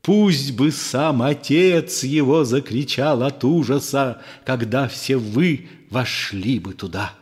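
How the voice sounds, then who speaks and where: A man's voice: mid-range voice, slow pace, hardly any pauses, a little mellow, lightly acted. A man voicing a bitter, scornful disciple who accuses with fierce passion, in a storybook reading. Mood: furious. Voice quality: fervent, accusing, sharply mocking. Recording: long room reverb.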